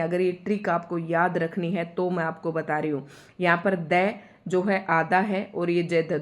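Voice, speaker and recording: Slow, deliberate woman teacher sounding out syllables. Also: on the low side. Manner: patient explaining, repeats key words. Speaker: Hindi teacher. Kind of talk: spoken spelling lesson for exam students.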